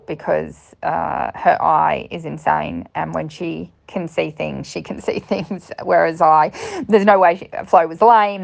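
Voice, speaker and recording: A woman's voice: low-pitched, creaky, dull audio. A young woman, a dressage rider and coach, talking casually and rambling with lots of ums and restarts. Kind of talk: casual vlog talk.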